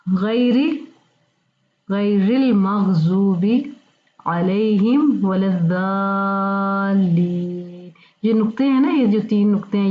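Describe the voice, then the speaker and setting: A woman with a Pakistani Urdu accent, teaching Quran pronunciation to women, with patient explanations and slow recitation of verses. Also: mid-range voice, dull audio.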